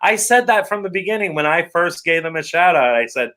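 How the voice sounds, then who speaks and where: A man's voice: a little high, animated, fairly quick, bright, forceful tone. A man chatting casually on a live show in a teasing, talkative manner.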